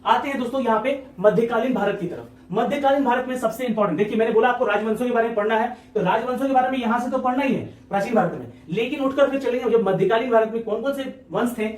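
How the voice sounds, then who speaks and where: A man teaching an exam-prep lecture, talking quickly and repetitively, often checking in with his listeners. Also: very high-pitched, roomy sound, far from the mic.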